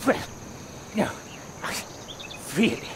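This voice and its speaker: A man's voice: slow, background noise, natural voice. A man voicing an elderly mouse merchant in a video game, with a theatrical, hammy stage-actor delivery and stammering sales patter. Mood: flustered, proud. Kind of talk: video game character acting.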